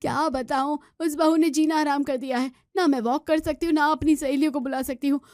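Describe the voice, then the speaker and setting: A scolding, nagging mother-in-law, voiced by a woman in a narrated moral story. Her voice sits high and shrill, recorded dry and close with no room. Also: normal speed, darkish tone, no room sound, natural voice. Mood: angry scolding.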